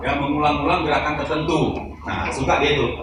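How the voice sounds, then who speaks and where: A man's voice: on the high side, fairly quick. Joking male seminar speaker in an echoey hall. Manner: joking, addresses audience directly, acts out examples. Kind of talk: live seminar talk to an audience. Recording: echoey hall, voice from far off, noisy.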